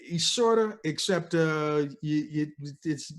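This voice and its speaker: An older American man, a veteran radio DJ, tells stories as an interview guest in a casual, conversational way. His fairly high voice moves slowly, and his emphatic explanations often wander off track.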